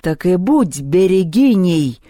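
A storyteller voicing a quick-tempered male supreme god who drawls, shouts and hisses threats. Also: mid-range voice, animated, no room sound, clean studio sound, lightly acted. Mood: commanding.

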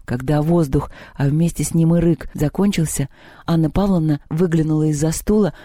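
An audiobook narrator reads a story in an even, measured way. The voice is mellow and somewhat dark. It is recorded dry and close. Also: mid-range voice, no echo. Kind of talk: scripted narration.

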